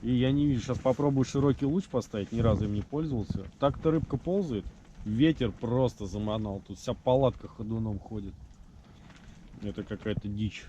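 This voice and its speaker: A man with a mid-range voice talks casually to his camera as a fishing vlogger. His speech is colloquial and grumbling, with mild slang curses. Clear outdoor noise and wind on the mic sit behind him. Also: medium pitch, brisk, highs cut off. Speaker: host of an ice-fishing vlog. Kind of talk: casual vlog chat to camera while fishing. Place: windy frozen outdoors, in and around a fishing tent.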